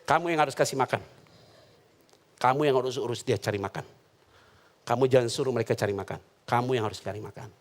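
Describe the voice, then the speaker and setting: A man's voice: mid-range voice, quick pace, pauses often. A man preaching a sermon, telling comic stories and acting out the people in them. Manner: animated, joking, acts out voices in anecdotes. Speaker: pastor. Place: church.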